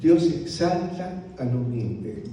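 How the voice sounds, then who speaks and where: A man with a Rioplatense accent teaches church leaders in a gentle, unhurried voice, tagging his points with a soft "right?". His tone is dark and mellow. He is picked up from a distance in a large, echoey hall with a long reverb. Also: medium pitch, lively intonation, a little hiss or hum. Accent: Rioplatense Spanish. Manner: slow, unhurried delivery with frequent "¿no?" tags; softly spoken. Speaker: pastor. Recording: roomy hall audio from a distance.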